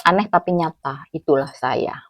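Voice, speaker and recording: A woman's voice: low voice, moderate pace, a bit bright, dry recording, studio quality. A woman from Cilacap, Indonesia, with a Javanese accent, chatting casually with her mouth full as she eats, humming as she savours food. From Cilacap, Central Java, Indonesia. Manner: talks with mouth full while eating, with savouring hums. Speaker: food vlogger. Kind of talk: casual eating chat, mukbang.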